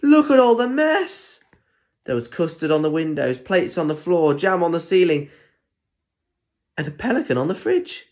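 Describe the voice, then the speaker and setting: Reading aloud for primary schoolers, this British man in his twenties is playful, tossing in asides and questions for the kids. His voice is a little high, expressive and a little mellow at normal speed, captured by a phone or tablet at arm's length in a plain home room.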